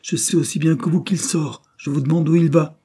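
A fierce, scheming young governess, as a man reads her out in an audiobook, her voice pushed well above his own. She speaks sharply and with menace, with a husky edge. The tone underneath stays dark. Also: medium pitch, expressive, normal speed, voice pushed up. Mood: angry. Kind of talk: audiobook reading.

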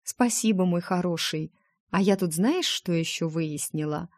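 A woman's voice: fairly low pitch, unhurried, no echo, clean studio sound, natural voice. A woman reading the part of a chatty, playful young heroine in an audiobook, wheedling her dragon friend.

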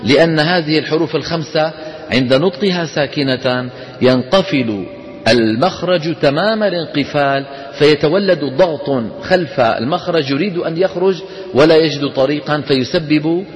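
A man with a Levantine Arabic accent gives a classroom lesson on Quran recitation in a fairly high voice. He quizzes his students, answers his own questions and voices letter sounds aloud for them to repeat. His voice carries a long reverb, as in a large hall. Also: normal speed. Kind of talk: classroom lecture.

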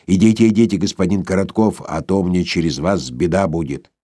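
A man doing a hoarse gruff doorman. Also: deep voice, brisk, dark tone, dry recording, studio quality, pitched below the performer's own voice. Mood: refusing. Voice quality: hoarse, wheezing. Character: scared old male doorman, hoarse.

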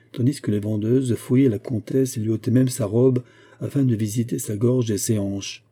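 Male audiobook reader, mid pitch, very warm dark timbre, husky, measured literary delivery. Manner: measured, expressive novel reading. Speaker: audiobook narrator.

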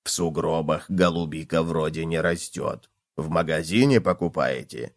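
A man voicing a male cockroach in a children's storybook, talking in a low, hushed, drawn-out way. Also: dry recording, studio quality. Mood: curious. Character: deep slow excitable male cockroach. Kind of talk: storybook reading.

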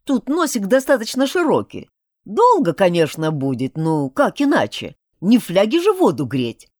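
A woman's voice: mid-range voice, huge pitch swings, moderate pace, no room sound, clean studio sound. A woman doing a blunt young necromancer. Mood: matter-of-fact. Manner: blunt and matter-of-fact.

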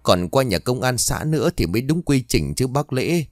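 A man's voice: medium pitch, lively intonation, brisk, a little mellow, dry recording, studio quality, natural voice. A man voicing a frightened middle-aged village woman who pleads shrilly. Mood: panicky.

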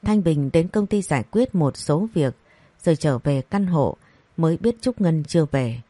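A woman narrating a scripted story, reading each character's lines in the same even voice. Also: low voice, moderate pace, no echo. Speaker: audiobook narrator.

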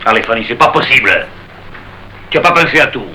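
An actor playing a hot-headed young male barman, taunting and quick-tempered, in a 1930s stage-style delivery. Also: medium pitch, animated, bright, forceful tone, rough recording. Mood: brooding. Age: young adult. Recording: hissy old archive recording.

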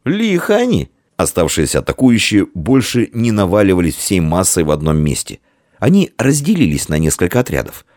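A man narrating a children's story with expressive reading. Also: low-pitched, brisk, dry recording, clean studio sound. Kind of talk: audiobook narration.

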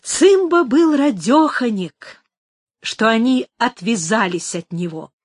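Slow measured woman narrator. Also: on the high side, animated, husky, no room sound, studio quality. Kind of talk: scripted narration.

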